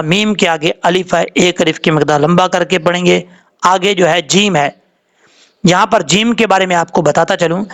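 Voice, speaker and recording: A man teaching Quran recitation rules, explaining calmly and drawing out the words he demonstrates. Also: high-pitched. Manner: explains slowly, drawing out Arabic words when showing them. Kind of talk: tajweed lesson with slow demonstrations.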